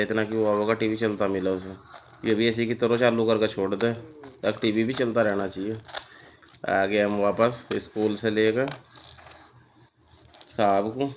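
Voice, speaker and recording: Male vlogger, 30s, lower voice, relaxed teasing family-vlog chatter. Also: a little hiss or hum. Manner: chatty, laughs often, teasing. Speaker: vlogger, father. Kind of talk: casual vlog narration.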